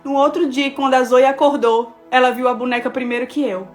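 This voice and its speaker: Expressive higher-voiced woman pastor preaching. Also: brisk, soft background music. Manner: expressive storytelling, acting out dialogue, addressing listeners directly. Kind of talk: devotional sermon with a personal story.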